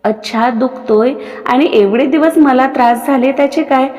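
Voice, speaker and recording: Woman reading young wife, mock-angry, playful, high voice, long reverb. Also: normal speed, a little mellow, lightly acted.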